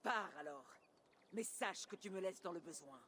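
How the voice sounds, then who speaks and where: A woman's voice: fairly low pitch, expressive, normal speed, fairly bright tone, a little hiss or hum. An actress voicing a proud young female Viking chieftain in a dubbed video game, speaking in a firm, determined way. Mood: defiant. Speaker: clan leader.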